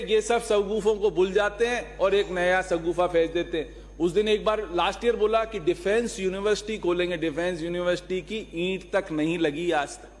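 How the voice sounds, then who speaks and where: A male legislator giving an argumentative floor speech in an assembly hall, posing rhetorical questions and mixing in English phrases. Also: high-pitched. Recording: long reverb of a large hall.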